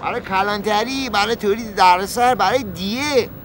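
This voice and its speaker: A boastful, cheeky junk peddler riding in a taxi, rambling on in a high, reedy voice. He talks in a teasing sitcom manner. Loud street and traffic noise runs behind him. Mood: coaxing. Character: chatty male junk-peddling passenger, cheeky. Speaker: taxi passenger. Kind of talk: comic puppet-show acting.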